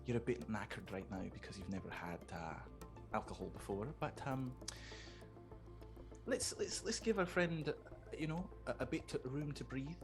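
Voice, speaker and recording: A woman playing a tabletop game, talking casually with lots of halting restarts and some swearing. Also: very deep voice, lively intonation, music in the background. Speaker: player. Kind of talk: casual tabletop role-play.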